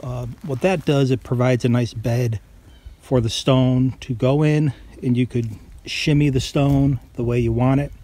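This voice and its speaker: A farm vlogger gives a folksy, plain-spoken how-to, filmed outdoors on his farm property with a handheld camera. His mid-range voice is dark and steady, his pace measured, and the recording is dry with outdoor noise in the background.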